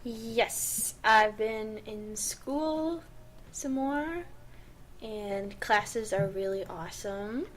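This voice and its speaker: A young woman chats upbeat and rambling on a podcast, filling gaps with ums and likes. Her pitch is moderate for a woman. A light hiss sits under the recording. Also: extremely slow. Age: young adult. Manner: chatty, upbeat, rambling with fillers. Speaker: podcast co-host. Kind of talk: casual chat.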